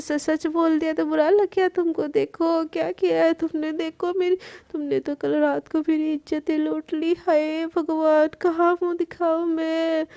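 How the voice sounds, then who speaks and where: A woman's voice: very high voice, gravelly, warm tone, heavily acted. A woman voicing a playful young wife who wails and teases in a theatrical way. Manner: melodramatic wailing and teasing. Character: dramatic teasing young woman, playful newlywed.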